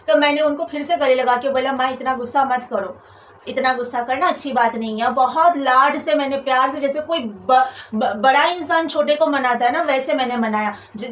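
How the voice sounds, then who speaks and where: A woman vlogger telling personal stories straight to her viewers, venting with indignation. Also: high-pitched. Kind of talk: personal storytelling vlog. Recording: echoey room, a bit far from mic.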